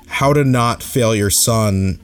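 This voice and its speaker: A man's voice: lowish voice, slow pace, clean tone, faint music behind. A man hosting a solo podcast, giving a casual review in a reflective, conversational way, as if thinking aloud. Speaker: podcast host.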